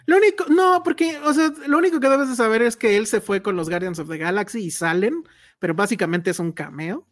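A woman's voice: a little high, animated, fairly quick. A woman with a Mexican Spanish accent chatting casually as a film reviewer, slangy and full of hedges. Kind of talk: casual movie review chat.

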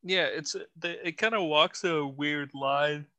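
A man's voice: a little high, slow pace, bright, forceful tone, no echo. A man co-hosting a casual podcast who chimes in with short reactions and joking asides. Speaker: podcast co-host.

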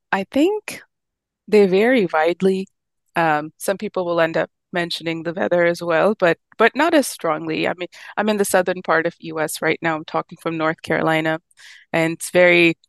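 A woman's voice: fairly low pitch, normal speed, no echo. A woman in her thirties from Pakistan, a physician guest telling her story in a friendly way and laughing easily. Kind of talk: casual interview talk.

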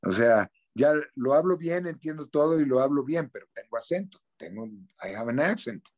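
A middle-aged Mexican actor, appearing as a guest in a casual interview, speaks frankly in an animated, moderately paced way, his accent clear. His middle-pitched voice has a darkish tone, and he uses slang and repeats words while searching for the right phrase.

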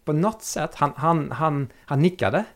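A man's voice: a little high, expressive, slight background noise. A man in casual chat, talking hesitantly, repeating words and searching for the right phrasing.

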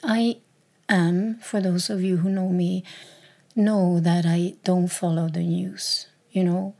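A woman's voice: fairly low pitch, fairly even intonation, takes it slowly, vocal fry, darkish tone. A woman talking alone on her podcast in a reflective, hesitant way, with many fillers and repeated words. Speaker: podcast host.

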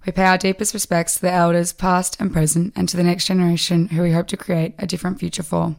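A woman's voice: lowish voice, flat delivery, quick pace, creaky. A woman co-hosting a podcast in casual chat, her voice nasal from a sore throat. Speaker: podcast co-host.

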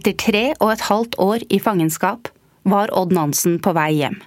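A woman narrating a scripted history story in a calm, even way. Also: medium pitch, no room sound. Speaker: podcast narrator. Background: faint music.

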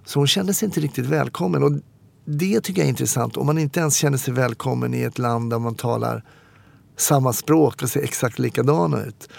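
A man, a former police officer reflecting candidly on his life in an interview, with frequent pauses and hesitations. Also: medium pitch, gravelly, a little mellow. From Stockholm, Sweden.

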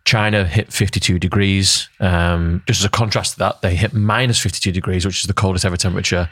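A man's voice: low voice, fairly even intonation, fast, fairly bright tone, no room sound. A man from Northern England co-hosting a podcast, chatting casually with dry joking banter. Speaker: podcast co-host. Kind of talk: casual chat.

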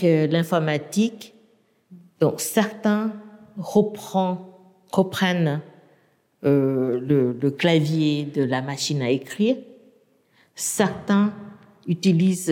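Native Burmese-speaking woman lecturer, low and mellow, hesitant explainer, long reverb. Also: slow pace, pauses often. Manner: hesitant, many restarts and fillers, explanatory. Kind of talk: interview.

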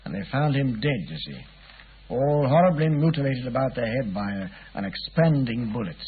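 An actor playing a weary, puzzled English police inspector, chatty and deferential, in a 1950s radio drama. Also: male voice, medium pitch, expressive, normal speed, husky, narrow, tinny audio. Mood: confiding. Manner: hesitant, colloquial, deferential.

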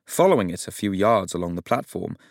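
A man reading a novel aloud as narrator in a measured, even storytelling manner. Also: low voice, creaky, no room sound, studio quality. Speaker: audiobook narrator. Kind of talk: scripted narration.

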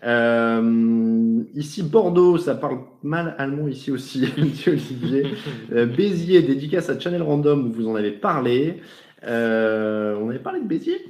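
A man's voice: mid-range voice, very animated, measured pace, a little mellow. A man hosting a casual live show, reading out viewer messages in a chatty, joking way. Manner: chatty, jokey, tosses in foreign phrases. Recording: roomy echo.

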